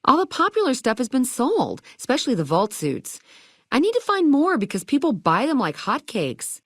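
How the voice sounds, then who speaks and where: A bubbly young video game shopkeeper speaks in a high-pitched, sassy, theatrical voice, swinging widely in pitch and dropping retro slang. The recording is close and dry, with no room sound.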